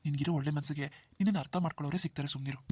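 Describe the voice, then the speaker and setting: A man voicing a well-off, generous young village man in a cartoon, who talks briskly and hushes others' worries. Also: fairly high pitch, fairly even intonation, slight background noise, natural voice. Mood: reassuring. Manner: brisk, dismissive of worries, hushing. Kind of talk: Kannada cartoon dubbing.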